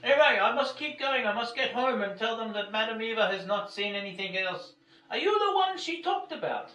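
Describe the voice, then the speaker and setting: A high, bright old hag, acted out by a man for a tabletop game. She is excitable and insistent, with pitch that swings about, heard at a distance in an echoey room. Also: brisk.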